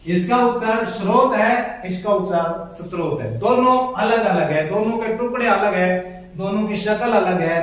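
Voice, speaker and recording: A male Hindi grammar teacher giving a blackboard lesson, explaining slowly, spelling out syllables one by one and calling his viewers friends. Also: high voice. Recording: very echoey room, far from the mic.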